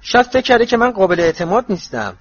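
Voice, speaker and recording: A man voicing a resentful teenage boy with forced calm and sarcasm in a storybook reading, in a slightly muffled recording with faint hiss. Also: sits high, pitched above the performer's own voice. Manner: strained calm breaking into sarcasm.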